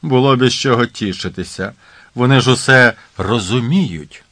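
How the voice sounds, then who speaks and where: A man's voice: medium pitch, normal speed, fairly bright tone, no echo. A man reading the part of a middle-aged woman schoolteacher who scolds indignantly.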